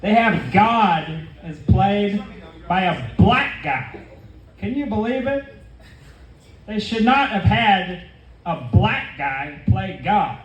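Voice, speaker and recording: A man doing deadpan stand-up storytelling with conversational asides to the crowd, at a comedy venue. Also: sits high, takes it slowly, muffled recording, a little hiss or hum. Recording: echoey room, distant mic, faint ambience.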